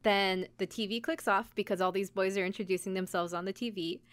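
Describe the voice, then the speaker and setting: A woman co-hosting a podcast recaps an anime episode in casual chat, telling the story informally with lots of "like" and quoted asides. Her mid-range voice is steady, brisk and a bit bright, with a clean tone and no echo.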